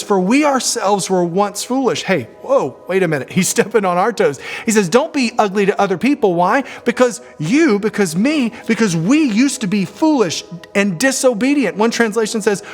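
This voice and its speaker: Male pastor, high-pitched, animated call-and-response preaching. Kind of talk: sermon.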